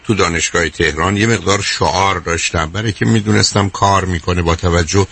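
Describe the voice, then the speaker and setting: A man's voice: sits low, steady tone, creaky, sharp tone, slightly rough. An older man hosting a radio call-in advice show, talking emphatically and repeating his points, calling the caller dear.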